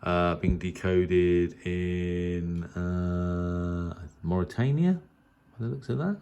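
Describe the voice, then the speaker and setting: A middle-aged English shortwave radio hobbyist and channel host talks very slowly in a low, mellow voice, casually narrating an unscripted tour with plenty of hesitation and rambling. He's indoors in a small spare bedroom that serves as his radio shack, and the home recording is clearly noisy.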